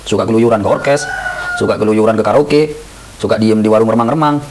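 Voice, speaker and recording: A man teaching a lively lesson on Islamic law, who acts out little scenes in raised voices. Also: lowish voice, a little fast, a little hiss or hum, rough recording. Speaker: Islamic boarding school teacher.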